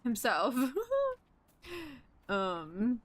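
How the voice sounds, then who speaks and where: A young woman streaming a game, chatting casually, giggling, swearing a lot and getting excitable. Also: medium pitch, drawn-out words, no room sound. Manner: giggly, excitable and profane, with frequent filler words. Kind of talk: casual gameplay commentary.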